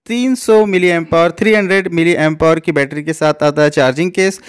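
High-voiced man comparing gadgets. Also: clean tone. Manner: explanatory, repeats points, addresses viewers as friends. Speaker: tech reviewer. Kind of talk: casual product comparison voice-over.

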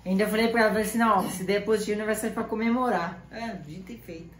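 A young Brazilian man casually explaining his point of view in a relaxed way, with many fillers. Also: high-pitched, rapid-fire. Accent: Brazilian Portuguese. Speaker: vlogger. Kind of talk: casual chat. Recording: roomy home video with faint noise.

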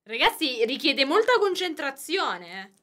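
Giovane donna acuta e vivace. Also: female voice, high voice, big pitch swings, unhurried, sharp tone. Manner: playful, teasing, laughs often. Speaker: guest co-host. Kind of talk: casual live-stream cooking chat.

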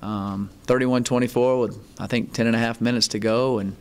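A middle-aged man, a head football coach, answering reporters at a postgame press conference, halting, with many ums and restarts. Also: medium pitch, fairly even intonation, clear, resonant tone. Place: press conference room, seated at table. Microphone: table mic in front.

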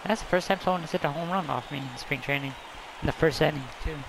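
A man casually commentating his own baseball video game, reacting out loud to each pitch and chatting with viewers. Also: fast talker, gravelly, a crowd in the background, background noise. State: throat irritation, clearing his throat. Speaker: gameplay commentator. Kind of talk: casual let's-play commentary.

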